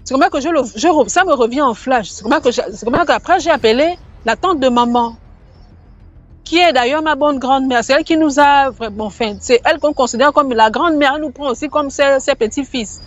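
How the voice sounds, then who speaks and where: A woman with a high-pitched voice tells a personal story in a loose, conversational way. She circles back, restarts her sentences and repeats words as she goes. The recording is a little dull, with faint music playing underneath. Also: fairly quick. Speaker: storyteller sharing a personal testimony. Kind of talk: casual first-person storytelling. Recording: slightly muffled, faint background music.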